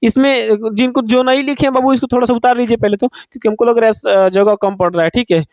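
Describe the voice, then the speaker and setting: A man's voice: steady tone, a little mellow, no room sound, dull audio. A man teaching a Hindi class for exam students, asking questions and answering them himself, repeating each point and calling students "babu". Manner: chants a mantra slowly in a low voice. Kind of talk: online exam-prep class.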